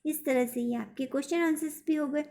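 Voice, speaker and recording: A woman teacher giving a recorded lesson to young pupils, repeating questions and reciting a poem slowly. She keeps checking with "ठीक है?". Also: high voice, steady tone, warm tone. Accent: Hindi. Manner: slow, repetitive, sing-song recitation with frequent "ठीक है?" checks.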